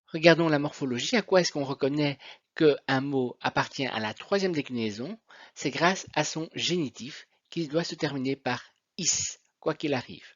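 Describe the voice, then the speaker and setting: A man's voice: on the high side, no room sound. Man explaining a lesson, dull dry sound. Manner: patient, explanatory, walks through examples step by step. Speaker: Latin teacher. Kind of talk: recorded grammar lesson.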